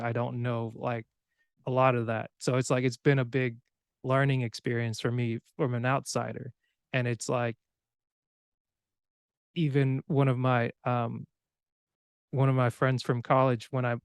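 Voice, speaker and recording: A young man from Cameroon, raised in the United States, hosting a podcast in a relaxed, rambling way. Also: medium pitch, creaky, clear, resonant tone, dry recording, clean studio sound. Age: young adult. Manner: relaxed, rambling, with filler words and laughs. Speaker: podcast host. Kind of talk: casual conversation.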